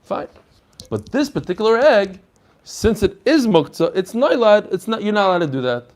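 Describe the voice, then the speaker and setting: A rabbi teaching a daily Talmud class gives an informal lesson, explaining things conversationally and asking rhetorical questions. His voice sits high, swings widely in pitch, and moves at a moderate pace.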